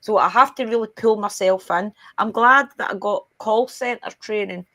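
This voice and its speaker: A woman's voice: mid-range voice, moderate pace, bright, forceful tone. A Scottish woman with a Glaswegian accent, hosting a live-stream spiritual card reading in a chatty way. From Scotland. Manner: chatty, laughs often, reads messages aloud. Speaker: spiritual reader host.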